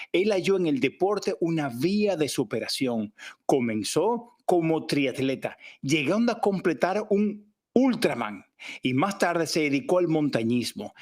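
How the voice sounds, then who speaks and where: A man hosting an interview podcast, introducing his guest in a friendly, grateful way. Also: on the high side. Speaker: podcast host. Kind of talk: casual interview.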